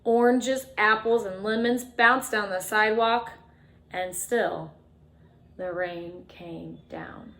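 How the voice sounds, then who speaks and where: A woman reading a picture book aloud to children like a teacher, expressively, with dramatic emphasis and chatty asides. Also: mid-range voice. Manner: expressive, dramatic emphasis, drawn-out refrains, chatty questions to young listeners. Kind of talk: animated children's storytime read-aloud with asides to listeners.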